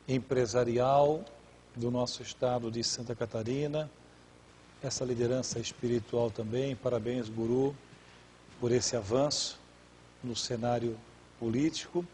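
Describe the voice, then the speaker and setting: A man's voice: medium pitch, darkish tone, slight background noise. A man hosting a live TV talk show, formally introducing guests and handing over questions. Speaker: TV show host.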